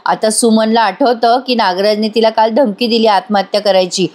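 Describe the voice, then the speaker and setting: A woman giving a voice-over recap of a TV serial, telling the story briskly with sympathetic asides. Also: on the high side, steady tone, a little mellow.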